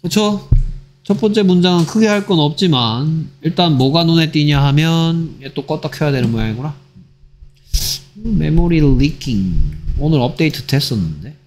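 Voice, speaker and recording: A man giving an exam-prep English lecture, firing off quick rhetorical questions and switching between Korean explanation and read-aloud English sentences. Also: on the high side, expressive, a little mellow. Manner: drills with rapid rhetorical questions. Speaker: English teacher.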